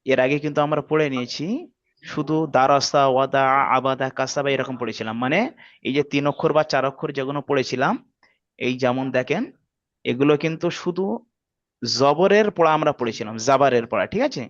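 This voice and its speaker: A man teaching Quran reading, slowly spelling out letters and vowel marks and often checking that his students follow. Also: mid-range voice, no room sound, highs cut off. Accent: Bangladeshi Bengali. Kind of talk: slow spelled-out recitation lesson.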